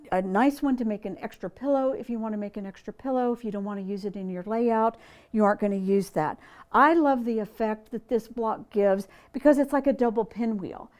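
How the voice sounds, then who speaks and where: A woman's voice: a little high, warm tone. A middle-aged woman hosting a quilting tutorial, chatty and friendly, with frequent ums as she demonstrates sewing steps.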